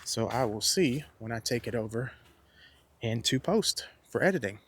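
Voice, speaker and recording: A man chats casually outdoors into a wireless lapel mic, his voice passing through noise reduction processing that thins it and tugs at the wind and traffic around him. He rambles in a friendly way and second-guesses his own words. His voice sits at an ordinary middle pitch. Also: expressive, moderate pace, fairly bright tone. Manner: chatty and self-correcting, often second-guessing his own terms. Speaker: wedding videographer reviewing a wireless mic. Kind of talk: casual product review vlog. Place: outdoors near a road, with wind.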